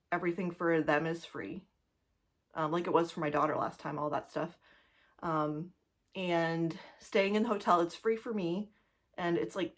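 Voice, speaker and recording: Breathless, chatty pregnant woman. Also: fairly low pitch. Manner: chatty, laughs often, many likes and ums. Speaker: cross-stitch vlogger. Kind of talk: casual chat to camera. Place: home, two-bedroom apartment.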